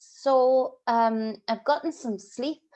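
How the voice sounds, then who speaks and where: Her voice a little high, slow and mellow, a British tarot reader delivers a casual spiritual vlog reading through a stuffy, sniffly nose. The recording is muffled, and she rambles with frequent ums and restarts.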